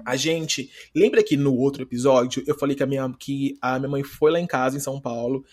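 A man's voice: medium pitch, brisk, a little mellow. A young Brazilian man co-hosting a podcast, telling a funny story in slangy casual chat and often breaking into laughs. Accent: Brazilian Portuguese. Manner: laughing storyteller, slangy, quotes his mother. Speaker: podcast co-host.

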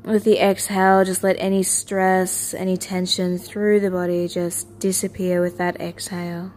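A woman leading a guided meditation as its teacher, in a gentle, soothing, lulling manner with repeated soft instructions. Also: fairly low pitch, level tone, moderate pace, slight background noise.

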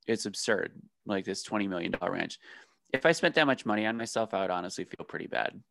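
A man's voice: lowish voice, animated, quick pace, vocal fry, a bit bright, no room sound. A man, a business owner, telling his story candidly in an interview, with joking asides. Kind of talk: casual interview.

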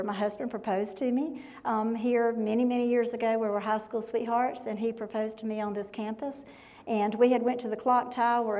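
A woman in her fifties gives a devotional talk in a fairly high voice. She chats easily, spinning homey stories and asking the crowd questions as she goes. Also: a little mellow, poor audio. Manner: folksy, chatty storytelling addressing the audience directly. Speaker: guest speaker.

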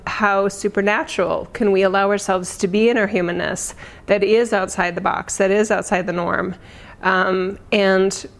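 A woman speaking as a spiritual guide in a conversational, reflective way, with halting, unscripted phrasing. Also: mid-range voice. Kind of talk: informal spiritual talk.

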